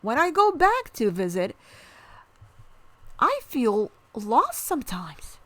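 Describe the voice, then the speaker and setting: A woman's voice: fairly high pitch, huge pitch swings, slow, fairly bright tone, no room sound. A middle-aged woman from Morocco, explaining culture and ethnicity in an educational talk, asking the viewer questions and giving examples.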